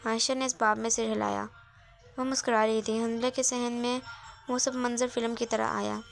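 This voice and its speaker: A woman's voice: on the high side, gravelly. A woman reading a romance novel aloud as narrator, voicing every character's lines in her own voice.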